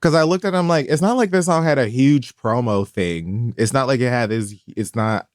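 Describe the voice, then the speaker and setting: A man's voice: medium pitch, moderate pace, no echo, clean studio sound. A man co-hosting a podcast in casual, joking chat, sarcastic and swearing freely. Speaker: podcast co-host.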